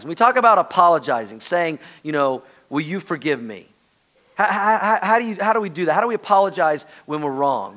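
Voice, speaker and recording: A man's voice: high voice, fairly bright tone. A middle-aged man preaching a sermon as pastor, emphatic and repetitive, calling out to the congregation.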